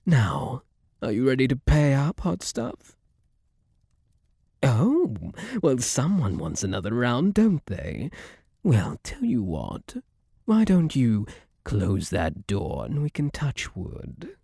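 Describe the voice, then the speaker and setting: A man's voice: mid-range voice, huge pitch swings, slow, vocal fry, mellow, husky, no echo, heavily acted. A man playing a suave, possessive luck spirit in an ASMR roleplay, flirtatious and theatrical, teasing and coaxing with pet names, close on the mic. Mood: playful, teasing.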